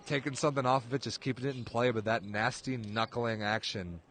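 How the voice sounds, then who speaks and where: A man calls a volleyball match live with play-by-play commentary in a medium-pitched, fairly quick voice. He's excitable, and his voice jumps up on big plays.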